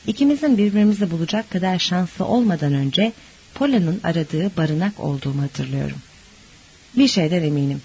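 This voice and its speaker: Audiobook reader, husky tone, lively pitch, measured and reflective. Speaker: audiobook narrator. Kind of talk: scripted first-person narration.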